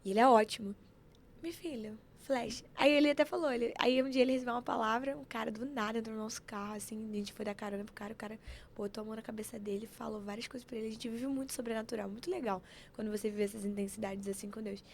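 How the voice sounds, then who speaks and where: A woman telling stories in an animated, preachy way, acting out quotes as she chats on a podcast. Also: fairly high pitch, fast talker, gravelly, a little hiss or hum. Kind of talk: casual chat.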